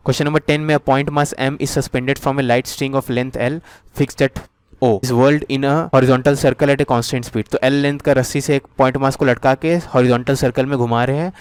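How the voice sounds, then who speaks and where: Guy revising physics problems, reads the english questions real slow, clear smooth voice, dry sound. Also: a little high, no echo. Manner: mixes Hindi explanation with slowly read English question text; checks in often with "theek hai na". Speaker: physics teacher. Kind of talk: exam revision lecture.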